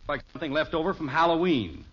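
Playing a stubborn, exasperated middle-aged father in a 1950s radio sitcom, a man grumbles with folksy, emphatic sarcasm. His voice is a little high, expressive and a bit bright with a breathy edge, moving at a quick pace, and the broadcast recording sounds dull.

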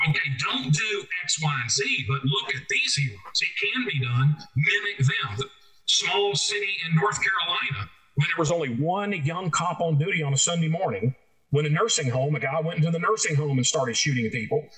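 A man with an Arkansas Southern accent speaks in a bright, forceful, slightly high-set voice. He explains things like an experienced trainer in an interview, plain-spoken and emphatic, hammering key points by repeating them. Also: expressive, moderate pace, poor audio. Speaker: guest expert, trainer who speaks to schools and police.

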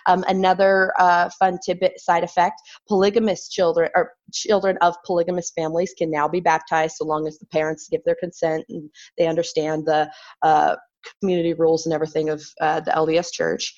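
A woman whose voice is hoarse and raspy from bronchitis talks as a guest in a loose, irreverent chat. She laughs easily between points, and the recording sounds dull and lo-fi. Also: fairly low pitch, flat delivery, fairly quick, a little mellow. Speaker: guest, philosopher. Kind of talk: casual conversation. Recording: dull lo-fi audio.

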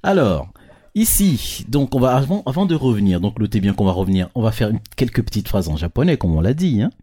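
A man teaches children a casual lesson on a handheld microphone, explaining patiently and often asking questions to check they follow. His fairly low voice is mellow and sing-song, and he moves at a brisk pace.

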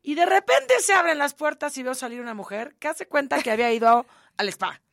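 A woman's voice: sits high, fairly quick, creaky, no echo, clean studio sound. A woman in her forties with a Mexican accent, co-hosting and animatedly retelling events, acting out quotes. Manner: animated, acts out quotes and laughs. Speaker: podcast co-host. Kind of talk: casual chat.

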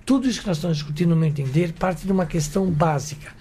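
A man's voice: fairly high pitch, racing, mellow, slight background noise. A man from Brazil in a roundtable discussion, speaking firmly and repeating his key points for emphasis. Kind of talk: casual roundtable chat.

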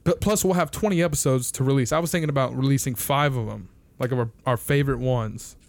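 A man's voice: mid-range voice, fast, no echo. A young man hosting a casual podcast, rambling, laughing often and swearing loosely. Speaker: podcast host.

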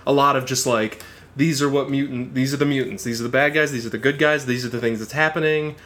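Male podcast co-host, casual and animated, laughs easily, restarts sentences. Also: mid-range voice, fast talker. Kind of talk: casual chat.

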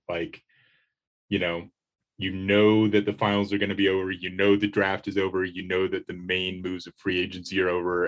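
A man speaking as a sports beat writer in casual podcast chat, conversational and wry. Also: low-pitched.

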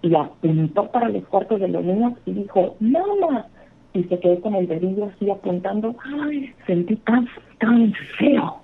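A woman's voice: mid-range voice, moderate pace, creaky. A woman earnestly telling a rambling personal ghost story, calling in by phone. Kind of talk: casual storytelling. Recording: phone line.

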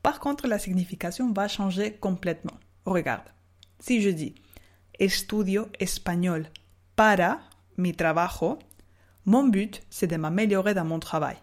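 A woman teaching Spanish on a podcast lesson, speaking slowly and drawing out model words for the listener to repeat. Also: medium pitch. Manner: slow, carefully spelled-out model words for repeating.

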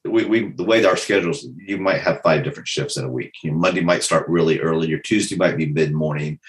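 Very deep-voiced storytelling man in his fifties. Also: fairly quick. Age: 50s. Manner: animated storytelling, repeats words as he starts. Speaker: guest, self-defense instructor. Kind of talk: casual conversation.

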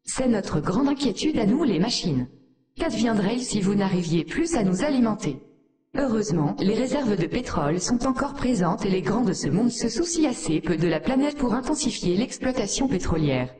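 Voicing a contemptuous female artificial intelligence that sardonically talks down to people, a performer records in an echoing room in a scornful mood. The mid-range, slightly mellow voice is very animated, paced normally, and near an everyday speaking voice.

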